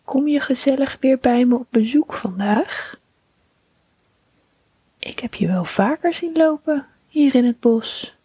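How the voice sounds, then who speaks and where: A sweet male koala from a bedtime storybook, as a woman puts him on speaks in a hushed, breathy whisper lifted a little higher than her own voice. He sounds kind and inviting, slow and close to the ear. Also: lively intonation, no echo, exaggerated voice. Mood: friendly. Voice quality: soft whisper. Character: gentle friendly male koala.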